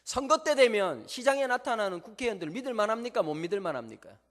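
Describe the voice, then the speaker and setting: A man with a Gyeongsang Korean accent delivers a sermon, his voice a touch high and swinging widely in pitch. He tells stories and tosses rhetorical questions to the congregation. His words ring with the long reverb of a church hall. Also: very animated, fairly bright tone. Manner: normally talks very fast, slowing down on purpose. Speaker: pastor. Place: church sanctuary before a congregation.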